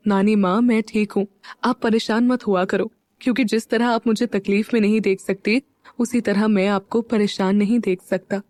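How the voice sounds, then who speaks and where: Audio-story husband, guarded but tender, soft and mellow, read by a woman. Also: fairly even intonation, normal speed, dry recording, lightly acted. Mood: quiet tender. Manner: soft, low-key delivery.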